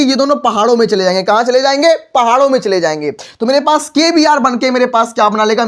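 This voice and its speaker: A male teacher giving a lively exam-prep chemistry lecture, asking rhetorical questions and repeating phrases to drive points home. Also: very high voice. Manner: repetitive, rhetorical questions, filler phrase "mere paas". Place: online class video.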